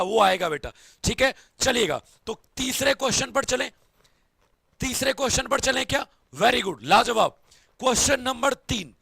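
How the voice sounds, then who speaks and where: Guy teaching science online, high gravelly voice, cracks if he goes fast, keeps asking his kids questions, dry sound. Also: bright, forceful tone, dry recording. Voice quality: voice cracks when speaking fast. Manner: repetitive quizzing, calls students "beta" and "babu". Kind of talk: online exam-prep lecture.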